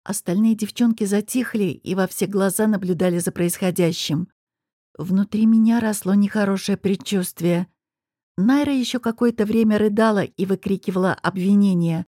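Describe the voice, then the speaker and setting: Woman, audiobook narrator, first-person fantasy, warm mellow voice, breathy, dry close recording. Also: medium pitch, normal speed, no room sound.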